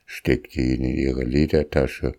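Slow, deep-voiced male storyteller. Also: flat delivery, mellow, no echo, clean studio sound. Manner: measured, deliberate storytelling. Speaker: narrator. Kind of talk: audiobook reading of a classic tale.

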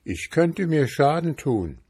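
A man's voice: fairly high pitch, slightly rough, voice pushed up, exaggerated voice. A man doing a cheeky, unafraid young maid. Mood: pert, unafraid. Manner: calm, quick-witted retorts.

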